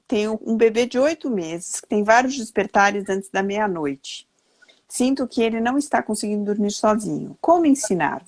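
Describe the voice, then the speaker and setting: Calm Brazilian woman interviewer. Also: medium pitch. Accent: Brazilian Portuguese. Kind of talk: conversational interview.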